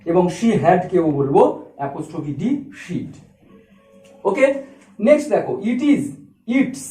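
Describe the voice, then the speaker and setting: A man teaching an English grammar lesson, explaining step by step and repeating each word slowly. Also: high voice, warm tone. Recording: echoey room, voice from a distance.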